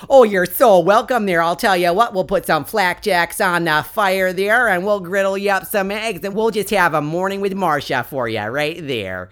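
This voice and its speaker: A man's voice: high voice, normal speed, few pauses, fairly bright tone, clean tone. A man voicing a chatty Wisconsin housewife who hosts a talk show, rambling folksy and repeating herself. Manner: rambling, folksy, repeats "I tell you what".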